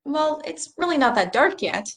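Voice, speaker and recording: A woman's voice: high voice, very animated, normal speed. A woman playing an earnest young star nerd. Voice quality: earnest, slightly apologetic. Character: earnest nerdy young woman explaining the stars. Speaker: actor in a rehearsed play reading. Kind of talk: stage play reading.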